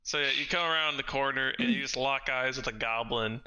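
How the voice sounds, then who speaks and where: A man's voice: medium pitch, a little fast, bright, forceful tone, smooth, poor audio. A man narrating as game master for players in a tabletop game on an online call, laid-back and answering in short replies.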